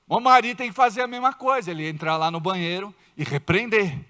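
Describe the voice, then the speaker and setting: A man with a Brazilian Portuguese accent preaching a sermon in a church, acting out quoted voices with sudden loud outbursts. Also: high voice, a little fast. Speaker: pastor.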